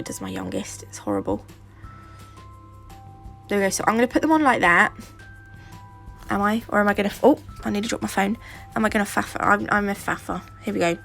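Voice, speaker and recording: Gravelly and congested from a sore throat and stuffy nose, a British woman's mid-range voice guides a casual home nail how-to. She chats happily and wanders off into fillers and tangents, with soft, faint music behind her.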